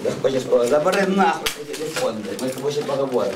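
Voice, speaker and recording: A man's voice: medium pitch, animated, rapid-fire, distant mic, background noise. A drunk detained man, angrily ranting and swearing in a police station. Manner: angry, swearing, ranting loudly. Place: police station room with people around. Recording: echoey room, off-mic, crowd nearby.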